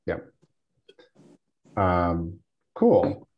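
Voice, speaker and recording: A man's voice: sits low, big pitch swings, drawn-out words, lo-fi sound. A man hosting a meeting over a conference call, rambling with frequent restarts. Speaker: meeting host. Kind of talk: casual meeting chat.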